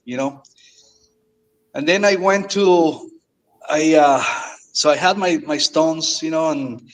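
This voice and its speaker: Earnest man, halting speech. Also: on the high side, rough recording. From Mexico. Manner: halting, earnest, repeats words often. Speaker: guest. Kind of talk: casual storytelling.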